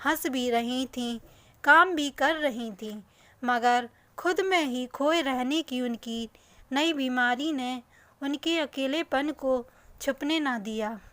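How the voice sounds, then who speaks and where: A woman narrating an emotional family story in the first person, in a slow, soft and sorrowful reading. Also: high-pitched, no echo.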